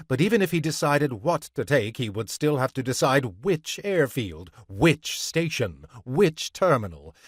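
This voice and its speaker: A man reading a crime short story aloud in a measured, unhurried way for a podcast. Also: medium pitch, dry recording, clean studio sound. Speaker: podcast reader of short stories.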